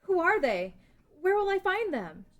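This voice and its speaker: A woman's voice: very high voice, very animated, unhurried, fairly bright tone, heavily acted. A woman playing a grieving, defiant young princess in a fantasy table read. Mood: stubborn grief. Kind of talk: table read of a fan-written audio drama.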